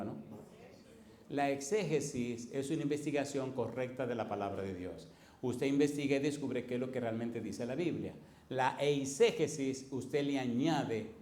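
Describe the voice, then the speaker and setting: In an echoey room with a little hiss or hum, a man with a mid-range voice teaches preachers as their pastor-instructor. He animatedly tells stories, performs the dialogue, and peppers listeners with rhetorical questions.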